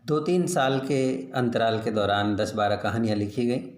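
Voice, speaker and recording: A man reading aloud his own children's story in an unhurried, expressive way, recorded with a roomy echo. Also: mid-range voice.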